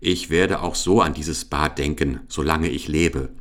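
A man with a deep voice voicing a grumpy, fussy old male monkey who grumbles slowly and reluctantly in a storybook tale. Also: fairly bright tone. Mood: grumbling.

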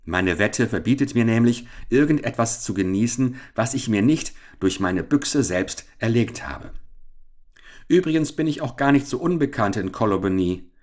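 A man voicing a bold, cheeky young adventurer who speaks coolly and briskly. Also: medium pitch, a little mellow, pitched above the performer's own voice, natural voice.

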